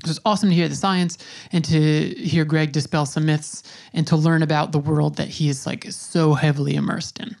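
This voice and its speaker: A woman's voice: low-pitched, steady tone, moderate pace, gravelly, a little mellow. A woman speaking casually and informally as a podcast host.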